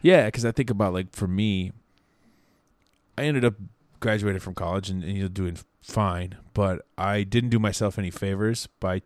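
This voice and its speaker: Deep-voiced man in his thirties, rambling. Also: normal speed, no room sound, studio quality. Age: 30s. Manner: rambling, self-correcting, wry and profane. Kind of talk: casual chat.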